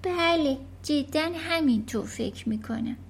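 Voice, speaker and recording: A small, clever girl speaks softly and politely, hesitating before she answers, as a woman reading the story puts her on. The voice sits very high and soft. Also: close to an everyday voice. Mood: timid.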